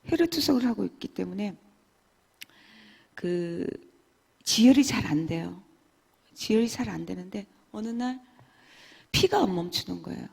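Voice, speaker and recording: A woman giving an emotional church testimony, swinging between loud and hushed. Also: medium pitch, expressive, a little slow, gravelly, long pauses, husky. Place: church hall. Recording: long church hall reverb.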